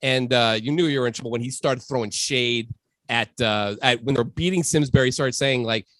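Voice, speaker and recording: A man's voice: mid-range voice, fairly quick, a bit bright, no room sound. A man co-hosting a sports podcast, telling stories in a casual chat and laughing often. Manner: laughs through his storytelling. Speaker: podcast co-host.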